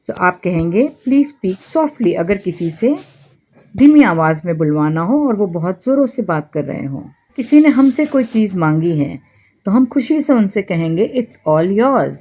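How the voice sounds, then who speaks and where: A woman teaching spoken English phrases, saying them slowly and deliberately for learners to repeat. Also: mid-range voice, sing-song, mellow, muffled recording. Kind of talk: bilingual language lesson.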